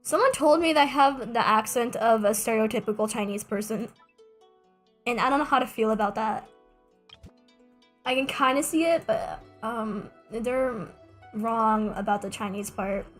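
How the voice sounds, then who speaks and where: With soft background music, a young adult woman talks at a moderate pace in a slightly high voice as she streams a game. Her chat is casual and meandering, laced with self-mocking jokes.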